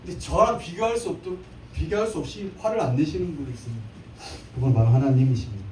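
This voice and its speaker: A man's voice: on the high side, animated, fast, a little mellow, a little hiss or hum. A man in his thirties preaching a live church sermon, playful, with jokes and little acted scenes. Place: church sanctuary. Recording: echoey church hall from a distant mic.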